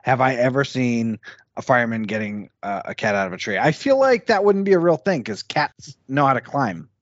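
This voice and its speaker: Rambling podcast co-host man, lively pitch. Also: normal speed, no room sound, dull audio. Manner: rambling, heavy use of "like". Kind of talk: casual chat.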